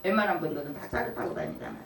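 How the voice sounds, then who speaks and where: A woman's voice: deep voice, huge pitch swings, racing, creaky. A woman in her sixties gives a sermon in a conversational way, telling personal stories, laughing often and asking the congregation questions. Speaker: preacher. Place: church sanctuary. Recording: echoey church hall, mic far off, faint noise.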